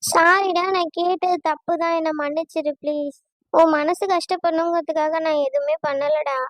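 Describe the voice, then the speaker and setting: A woman's voice: extremely high pitch, steady tone, normal speed, no echo, clean studio sound. A woman voicing an anxious young bride in a cartoon, pleading and apologetic.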